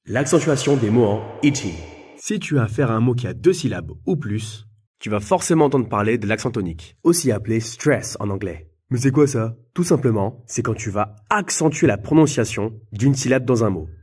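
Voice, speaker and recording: A man's voice: medium pitch, lively intonation, normal speed, a little mellow, slightly rough. A young man presenting a scripted lesson, addressing the listener informally and upbeat. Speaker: English teacher presenting tips. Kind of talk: scripted educational video for teens.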